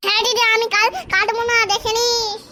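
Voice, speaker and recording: Cartoon kid: whiny, boastful little schoolboy, very high squeaky voice, noisy recording. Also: female voice, flat delivery, brisk. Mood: pleading. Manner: whiny, pleading childish talk. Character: cheeky little boy pupil, fussy and boastful. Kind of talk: cartoon voice acting.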